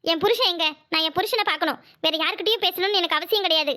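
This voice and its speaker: A woman's voice: extremely high pitch, fast, sharp tone, voice pushed down. A woman voicing a young wife who pleads with her husband and stubbornly defies her in-laws. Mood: pleading. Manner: pleading, insistent.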